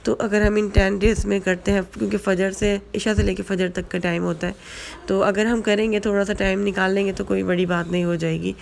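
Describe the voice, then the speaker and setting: A woman talks to her viewers in a casual religious advice vlog, her voice hoarse from a flu and sore throat. Her tone is gravelly and stays fairly level in pitch. She chats loosely, circling back with repeated fillers. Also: little pitch movement, a little hiss or hum. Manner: chatty, repeats fillers, mixes in English words. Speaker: vlogger.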